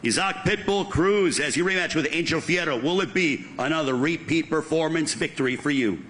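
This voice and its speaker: A man's voice: on the high side, a little fast, fairly bright tone. A man hosting a boxing press conference like a fight promoter, with polished, punchy delivery and emphatic names and titles.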